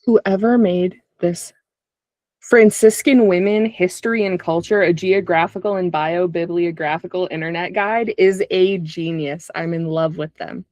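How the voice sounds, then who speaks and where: A woman in a casual research chat, enthusiastically chiming in with quick reactions. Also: lowish voice, fairly even intonation, darkish tone, dry recording. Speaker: research partner.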